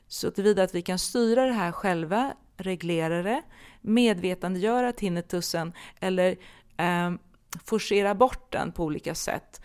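Smooth-voiced woman podcast host. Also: on the low side, darkish tone. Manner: candid, reflective, with frequent hesitations. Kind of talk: personal podcast monologue.

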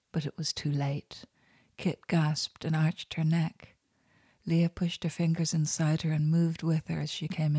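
Soft, low woman narrating. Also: slightly rough, dry recording, studio quality. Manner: soft, unhurried and intimate. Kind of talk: audiobook narration.

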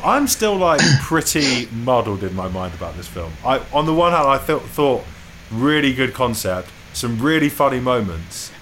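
A man's voice: medium pitch, sing-song, moderate pace, fairly bright tone, a little hiss or hum, rough recording. A man in his early thirties hosting a film podcast in casual, bantering talk.

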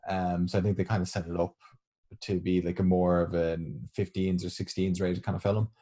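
Deep voiced guy on a podcast, kinda husky, teases his mate, says like and kinda a lot. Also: flat delivery, fairly quick, mellow. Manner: teasing, laughs at co-host, hedging with "like" and "kinda". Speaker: podcast co-host. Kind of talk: casual chat.

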